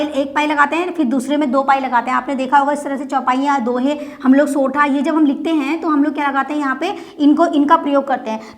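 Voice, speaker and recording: A woman teaching a Hindi exam-prep lecture, often repeating points, asking herself rhetorical questions and slowing down to dictate word by word. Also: high voice. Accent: Uttarakhand Hindi. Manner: slows down to dictate words one by one. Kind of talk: classroom lecture.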